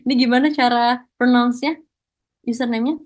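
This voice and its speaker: A female Korean language teacher with a high voice runs an online lesson, explaining things step by step and frequently praising her students, slipping Korean compliments into her Indonesian. She stays encouraging throughout, with fairly even intonation and a slightly quick pace.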